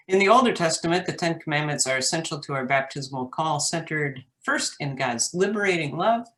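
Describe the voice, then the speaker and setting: Playful pastor chatting on a bible study podcast, bright voice, middle pitch. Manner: playful, upbeat, quick to joke. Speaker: pastor, co-host. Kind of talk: casual chat and devotional reflection.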